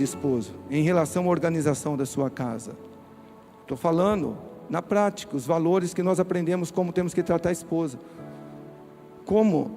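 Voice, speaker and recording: A man's voice: on the high side, darkish tone. A man with a Brazilian Portuguese accent preaching a sermon in church, emphatic and speaking straight to his listeners. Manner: emphatic, direct, addresses listeners. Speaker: pastor.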